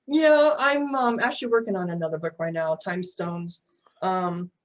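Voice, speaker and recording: A woman's voice: lowish voice, moderate pace. A woman chatting informally as an author guest on a podcast. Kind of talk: casual chat.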